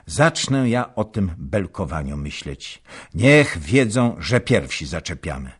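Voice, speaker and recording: A man's voice: fairly low pitch, very animated, takes it slowly, vocal fry, breathy edge, voice pushed up, full character voice. A man voicing a determined officer talking eagerly to a comrade, in a storybook reading. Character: resolute male officer, eager for action.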